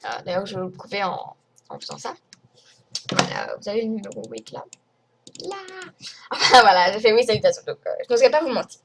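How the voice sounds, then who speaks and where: A woman's voice: medium pitch, huge pitch swings, a little fast, gravelly, pauses often, noisy background. A young woman from France ranting to her viewers in a rambling, indignant way, full of fillers. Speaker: vlogger. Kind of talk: casual screen-recorded rant.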